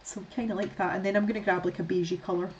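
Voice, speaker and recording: A woman's voice: medium pitch, fairly even intonation, very fast, a little mellow, muffled recording, slight background noise. A middle-aged woman with a Scottish accent chatting casually to viewers while she colours, rambling and laughing often. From Scotland. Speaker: art streamer.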